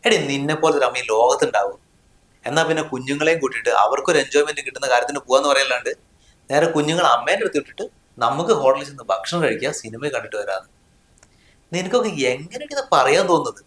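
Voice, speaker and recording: A man's voice: medium pitch, animated, rapid-fire, fairly bright tone, reverberant, lightly acted. A man acting a husband in a short drama, scolding and dismissive in tone. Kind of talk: scripted drama dialogue.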